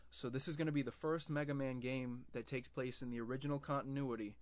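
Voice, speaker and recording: A man's voice: medium pitch, steady tone, fast talker, no echo. A young man hosting a tech news podcast, talking through stories in a chatty, casual way with plenty of fillers and restarts.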